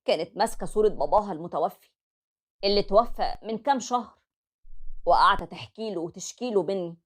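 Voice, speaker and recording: A woman's voice: mid-range voice, fast. A woman with an Egyptian accent narrating a first-person story, confiding in listeners. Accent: Egyptian Arabic. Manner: confiding, addresses listeners directly.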